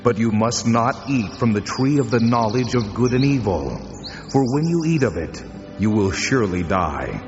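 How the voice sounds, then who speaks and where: An actor playing God as a solemn, commanding creator in a dramatized audio Bible, measured and authoritative. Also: male voice, mid-range voice, animated, lightly acted. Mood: commanding, warning. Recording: long cavernous reverb, dull audio, music behind.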